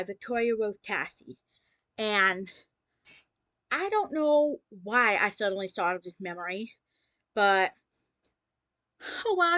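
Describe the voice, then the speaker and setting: Bright-voiced woman telling a sarcastic story. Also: medium pitch, dry recording. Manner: theatrical spooky greeting, then chatty with sarcastic asides. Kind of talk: casual story time vlog.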